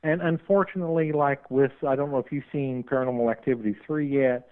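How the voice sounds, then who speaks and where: A man's voice: mid-range voice, steady tone, fast talker, clear, resonant tone. Talkative man on a tinny phone line. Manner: talkative, rambling, admits he runs on. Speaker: paranormal investigator guest. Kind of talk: phone-in radio interview.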